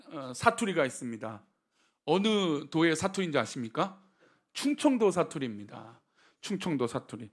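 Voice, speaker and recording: A male pastor giving a sermon, telling humorous stories and asking the congregation rhetorical questions. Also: high-pitched. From Seoul.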